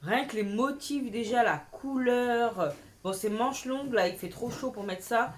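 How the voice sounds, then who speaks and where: With a voice on the high side and an unhurried delivery, a young woman vlogs about fashion, cheerfully showing off secondhand clothing she picked up and slipping in slang. There's slight background noise behind her casual haul chat.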